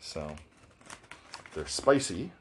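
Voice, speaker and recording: A man co-hosting a casual podcast, talking slowly with many pauses and fillers. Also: low voice, sing-song, noisy background. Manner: slow, hesitant, many fillers. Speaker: podcast co-host. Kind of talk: casual chat.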